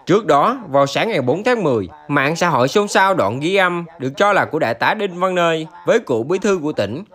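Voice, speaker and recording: A man narrates a news report from a script. His voice sits fairly high for a man and moves with animated intonation. The delivery is formal, in the manner of a channel news reader.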